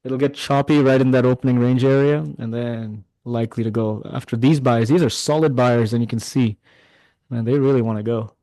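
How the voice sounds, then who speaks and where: A middle-aged man, a day trading mentor, commenting on a live trading session, excitable and talking to his chat, swearing when frustrated. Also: medium pitch, fairly quick, no room sound.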